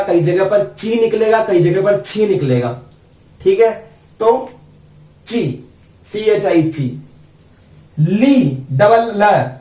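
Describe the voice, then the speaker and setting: A man teaching spelling, his voice high and his pace slow and deliberate. He drags out words letter by letter for his students. The sound is roomy and echoey, picked up from some distance away. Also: a little mellow. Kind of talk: spelling lesson at a board. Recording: echoey room, mic at a distance.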